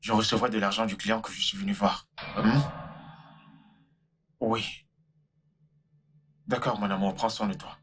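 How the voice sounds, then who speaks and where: Slick two-timing boyfriend, low voice, coaxing and pleading, faint hiss behind. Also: male voice, level tone, a little slow, pauses often, a bit bright. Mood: sweet-talking. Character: smooth-talking man juggling lovers for money. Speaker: actor. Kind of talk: dubbed film drama.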